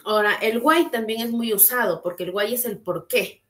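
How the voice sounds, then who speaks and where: Over a computer mic on a video call, a woman teaches an online English class with patient explanations. Her voice is on the high side at a moderate pace, and she checks in with students through frequent tag questions.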